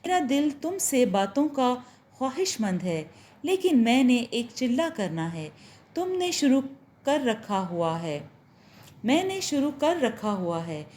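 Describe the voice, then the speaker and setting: A woman reading a storybook's young woman turned witch, loving and possessive, in a soft, reassuring voice with her own warm, lively tone. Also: on the high side, a little slow. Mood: gentle.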